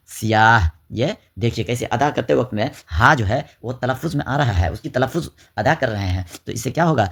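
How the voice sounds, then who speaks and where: Man, grammar teacher, exam-prep lesson, repeats terms, rhetorical questions. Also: lowish voice. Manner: draws out example words slowly.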